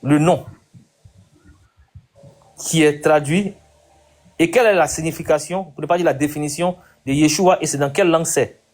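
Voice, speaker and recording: A man's voice: fairly high pitch, steady tone, moderate pace, long pauses, a little mellow. A man hosting a debate, insistently questioning his guest and repeating his points. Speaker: debate host. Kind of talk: live debate conversation.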